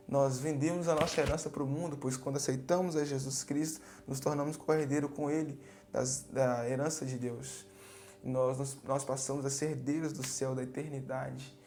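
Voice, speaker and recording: A man's voice: mid-range voice, darkish tone. A man narrating a parable dramatically and closing it with a religious reflection, with emphatic repetition. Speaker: preacher telling a parable.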